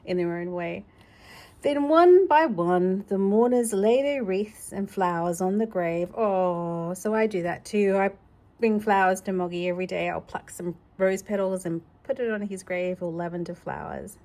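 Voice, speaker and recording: Reading a picture book aloud to a child, a woman exclaims playfully and chats about the pictures in an animated way. Her mid-range voice is somewhat dark, with lively intonation at a moderate pace.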